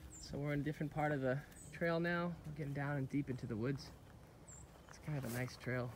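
An American man in his thirties, a playful and encouraging father, films a family hike on a forest trail with a handheld phone, chatting and narrating casually. His mid-range voice is steady and brisk, and the outdoor phone recording is noisy.

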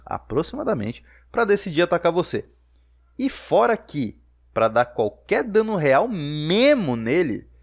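A Brazilian man narrates a scripted, comedic game critique. His fairly high voice swings animatedly as he delivers sarcastic, exasperated remarks.

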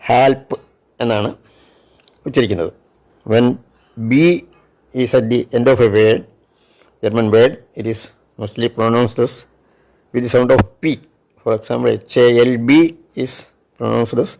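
A man's voice: mid-range voice, vocal fry, darkish tone. A man with a Malayali accent teaching a language lesson, spelling out words letter by letter. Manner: spells out letters one by one, switching between Malayalam and English. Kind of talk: slow spoken lesson.

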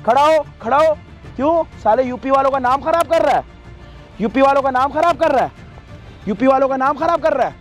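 Young guy yelling threats nonstop, high voice, bit of music underneath. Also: expressive, a little fast. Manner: aggressive, repetitive interrogation. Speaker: confronting vigilante. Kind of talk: staged confrontation video.

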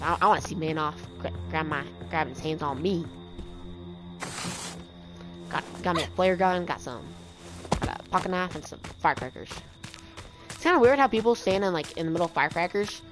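A woman's voice: deep voice, lively intonation, brisk, long pauses. A young woman giving casual, frustrated commentary over her gameplay, rambling and swearing. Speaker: gamer streamer. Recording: voice over game music.

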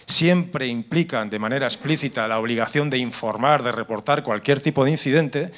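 A middle-aged man from Spain, speaking with a Spanish accent in a medium-pitched, fairly bright voice, gives an explanatory cybersecurity talk with slides into a handheld mic. He often restarts and repeats words before a seated audience in an indoor conference room.

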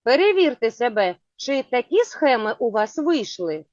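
A woman teaching a children's phonics lesson, asking patient, clearly spoken questions. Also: on the high side, big pitch swings, normal speed, darkish tone, no echo. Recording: dull lo-fi sound.

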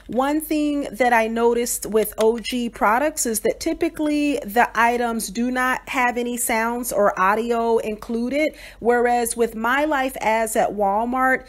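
A woman with a slightly high voice narrates a doll-toy unboxing review. She sounds cheerful and enthusiastic, describing each piece in detail with the odd "um" and "like". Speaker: doll channel host.

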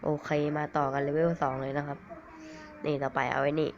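A man with a cold giving rambling, excitable commentary on a mobile game, swearing at it now and then. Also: medium pitch, fairly quick. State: has a cold. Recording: dull lo-fi recording with faint hiss.

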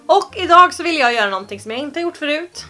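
A woman's voice: sits high, lively intonation, bright, forceful tone. A young Swedish woman vlogging to camera in a playful, joking way, with exaggerated pronunciations. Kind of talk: casual vlog to camera.

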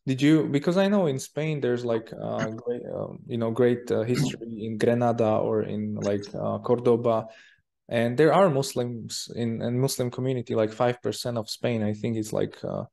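Young host on a video call, gravelly voice, easygoing questions. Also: male voice, medium pitch, normal speed. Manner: relaxed, asks questions with fillers. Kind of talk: casual video-call interview. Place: indoor room.

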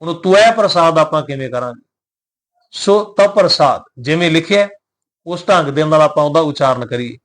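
Teaching scripture recitation, a man with a fairly high voice chants every verse slowly and deliberately. He then explains it calmly and plainly, speaking to listeners with respect and humility.

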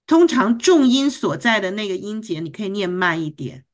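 A woman's voice: mid-range voice, sing-song. Patient woman teaching pronunciation online. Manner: patient, encouraging, drills words slowly. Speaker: English teacher. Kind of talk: online class coaching pronunciation. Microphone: video call.

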